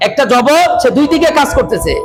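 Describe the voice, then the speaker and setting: High-voiced man teaching Quran recitation. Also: very animated, a little fast, a crowd in the background, rough recording. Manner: repeats checking questions to students, stresses letters aloud. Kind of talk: classroom recitation lesson.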